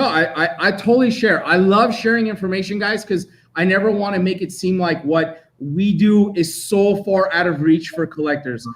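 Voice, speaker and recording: A man's voice: on the high side, fairly bright tone. Chatty man collector, upbeat. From Armenia, raised in Los Angeles. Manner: talkative, quick to laugh. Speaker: collector guest. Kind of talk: casual chat.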